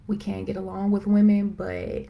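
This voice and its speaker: A woman hosting a live stream, chatting casually and excitedly with lots of fillers, rambling as she goes. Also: mid-range voice, creaky, muffled recording. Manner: excited, self-described as talking fast. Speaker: host of a live video chat. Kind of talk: casual faith-based chat. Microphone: phone or computer for a live stream.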